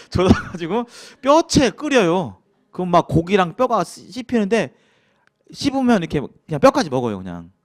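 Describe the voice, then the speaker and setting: Lively Jeolla-accented man teaching Bible. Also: high voice, moderate pace. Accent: Jeolla Korean. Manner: lively, acts out grumbling quotes, chuckles, asks the class questions. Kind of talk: casual church lecture.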